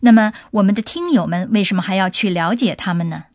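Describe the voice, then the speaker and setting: A woman's voice: medium pitch, quick pace, no room sound. A woman hosting a radio language lesson, guiding the talk by putting questions to the professor. Her voice sits in the middle range and is recorded close and dry. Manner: asks the expert leading questions.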